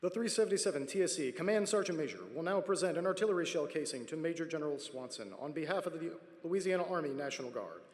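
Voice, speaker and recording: A man's voice: on the high side, animated, quick pace, few pauses, a little mellow. Echoing man making formal ceremony announcements. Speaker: ceremony narrator. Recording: echoey hall, long reverb PA sound.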